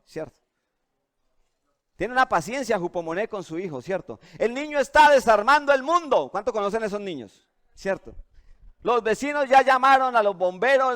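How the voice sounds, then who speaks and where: A man preaching a sermon as pastor, questioning his listeners over and over in an animated way. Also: sits high. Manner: animated and questioning, asks the audience often.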